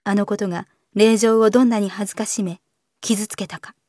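A woman narrating a novel in a calm, measured audiobook reading. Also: medium pitch, dry recording, clean studio sound.

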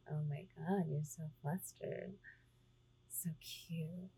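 A woman performing an intimate ASMR roleplay close to the mic, breathy and teasing, slipping between soft talk and whispers. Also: low voice, steady tone, drawn-out words, low-quality recording.

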